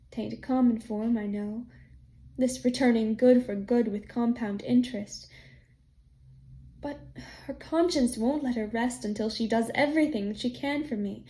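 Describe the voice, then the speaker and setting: A woman voicing a gruff older male farmer who speaks in a brooding, halting, gloomy way. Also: a little high, darkish tone, natural voice.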